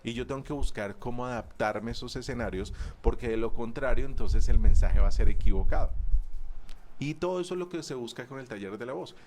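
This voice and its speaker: A man talking as a public speaking coach in a conversational interview, animated and acting out quoted voices. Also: mid-range voice, a little fast, a little hiss or hum.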